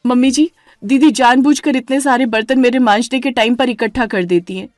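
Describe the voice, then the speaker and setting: Grumbly young daughter-in-law, a woman doing it, bit high, dry close sound, storybook. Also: brisk, a little mellow, no echo, natural voice. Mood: sulky. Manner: grumbling, sulky. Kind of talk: dramatized storybook narration.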